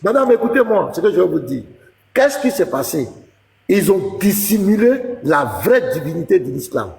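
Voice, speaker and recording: A man's voice: high-pitched, big pitch swings, normal speed, vocal fry, a little mellow, echoey room, in a large hall. A man, a pastor, arguing in a heated religious debate, lecturing insistently and talking over the woman he debates. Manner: lecturing, insistent, talks over the other speaker.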